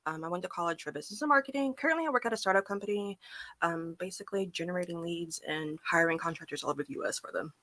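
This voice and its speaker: A woman in her twenties, a dating show contestant, introducing herself in a brisk, businesslike way. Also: on the low side, pushed and bright. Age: 20s.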